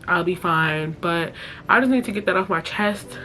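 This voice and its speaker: A young woman speaking softly and bluntly while crying, her nose stuffy, in a profane, confessional talk straight to the camera from up close. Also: lowish voice, normal speed. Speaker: influencer. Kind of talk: emotional confessional vlog.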